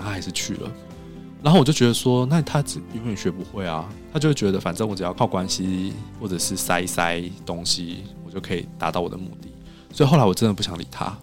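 A man with a fairly low voice tells anecdotes in a recording studio, acting out what other people said. He talks fast in an animated way. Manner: animated, acts out quoted dialogue. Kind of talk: casual podcast storytelling.

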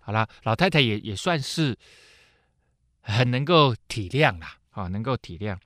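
A man hosting a radio Bible teaching program, explaining scripture with lively storytelling full of filler particles. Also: medium pitch, normal speed, no echo, clean studio sound.

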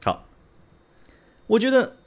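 A man co-hosting a casual podcast, telling stories in an animated, teasing way. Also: slow pace. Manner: animated, teasing storyteller who acts out scenes. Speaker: podcast co-host. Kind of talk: casual chat.

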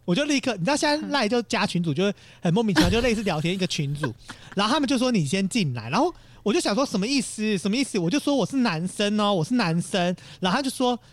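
A man tells a story in casual conversation at a quick clip. His pitch swings widely as he acts out the people he quotes. The recording is dry and close. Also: big pitch swings, dry recording. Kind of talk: casual chat.

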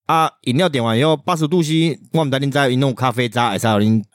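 A man's voice: medium pitch, fast talker, no echo, clean studio sound. A man with a Taiwanese accent co-hosting a podcast, telling stories in a colloquial mix of dialect and Mandarin. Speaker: podcast co-host. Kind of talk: casual storytelling chat.

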